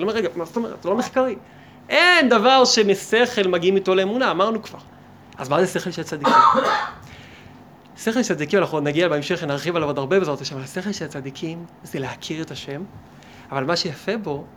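A rabbi with a fairly high male voice teaches an animated Torah class. He keeps asking his listeners questions and slips into little acted-out exchanges to make his point. A faint hiss of background noise sits under his voice. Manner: animated, asks many rhetorical questions and acts out imagined dialogues. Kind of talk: lively Torah lesson.

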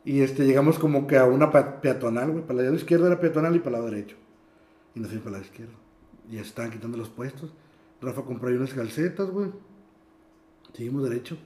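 A young man with a northern Mexican accent telling a story in casual, slang-heavy chat, often trailing off quietly at the ends of lines. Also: medium pitch, quick pace. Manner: slangy, drops "güey" constantly, trails off quietly. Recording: echoey room.

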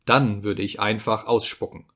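A man narrating an audiobook in a measured literary reading. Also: fairly low pitch, steady tone, a bit bright. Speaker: audiobook reader.

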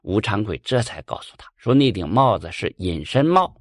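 A man narrating a folk ghost story in a lively, colloquial way. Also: fairly low pitch, moderate pace, no echo, studio quality.

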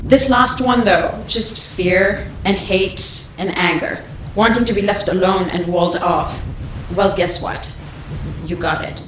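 A man's voice: sits high, slow. A man voicing a disappointed alien lizard emissary who makes formal proclamations that slip into casual slang, heard as a distant broadcast. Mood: solemn. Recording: echoey, distant broadcast with loud background noise.

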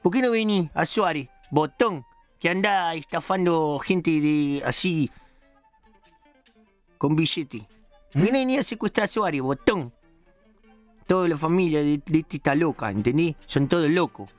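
A man's voice: fairly high pitch, lively intonation, unhurried, pauses often, no echo, faint music behind. A man playing a drunk, foul-mouthed old petty thief with an Argentine accent, rambling and hurling insults on a radio comedy show. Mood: ranting. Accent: Argentine Spanish. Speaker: comic character on a radio show.

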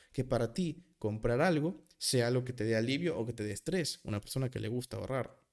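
A man's voice: mid-range voice, a little mellow. A man hosting a casual solo psychology podcast, talking through examples, often stopping to rephrase himself. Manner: rambling, self-correcting, with examples; self-described nervous.

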